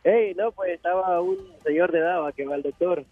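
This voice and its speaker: A man's voice: sits high, a little fast, no echo, soft background music. A man calling into a radio show, telling a joke in a laid-back, slangy way. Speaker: caller. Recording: dull lo-fi dry phone-in audio.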